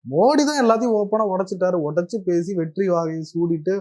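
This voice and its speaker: A man's voice: high-pitched, animated, fairly quick, darkish tone. A man hosting a political interview, putting counterpoints to his guest and addressing him politely as sir. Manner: challenging, plays devil's advocate. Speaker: interview host.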